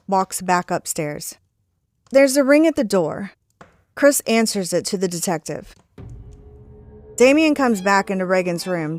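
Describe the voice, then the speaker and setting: A woman hosting a podcast, retelling a horror film scene by scene in a scripted, conversational way with bursts of enthusiasm. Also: mid-range voice. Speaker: podcast host.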